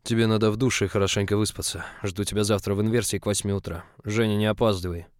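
A man voicing a self-assured, domineering male boss in an audiobook, talking low, firm and teasing. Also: steady tone, fast talker, no echo, studio quality, lightly acted. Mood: commanding. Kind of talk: audiobook character voice.

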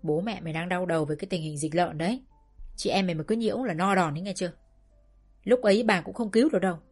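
A woman voicing a stern old grandmother who scolds and gives hushed warnings in a storybook reading. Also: on the low side, fast talker, faint music behind, lightly acted. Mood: scolding.

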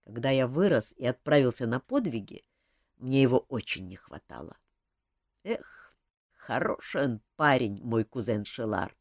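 A woman's voice: rumbling low, lively intonation, measured pace, no room sound, studio quality, exaggerated voice. A woman reading the part of a blunt, cheerful young male barbarian hero in an audiobook. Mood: rueful.

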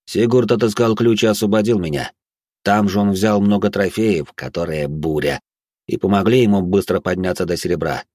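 A man voicing a stern, grim male leader in an audiobook, close to his own low voice. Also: darkish tone, dry recording. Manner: grim, measured.

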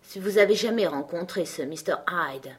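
A woman's voice: on the low side, normal speed, husky. A woman reading a frightened, devoted older male butler in an audiobook, urgent and pleading. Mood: anxious.

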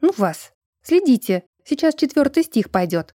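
A woman's voice: high voice, sing-song, moderate pace, dark tone, no echo, studio quality, pitched above the performer's own voice. A woman voicing a confident young female student who brushes off teasing in an audiobook. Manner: assured, brushing others off. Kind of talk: audiobook character voice.

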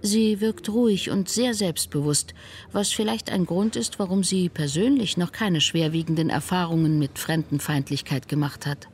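Woman, reporter, scripted radio narration, measured, lowish voice. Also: darkish tone, a little hiss or hum.

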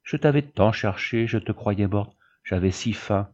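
Broken gaunt son confessing to his mom, man reading, low mellow voice, lo-fi. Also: measured pace. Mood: remorseful. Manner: contrite, tearful confession.

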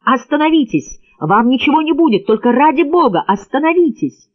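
A male audiobook reader voices a panicked official who shouts and pleads. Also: very high voice, big pitch swings, brisk, dull audio, pitched above the performer's own voice. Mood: desperate.

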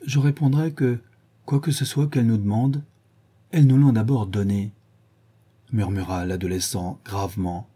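A man's voice: lowish voice, steady tone, normal speed, warm tone, breathy edge. A man voicing an earnest, ardent young man in a classic novel audiobook.

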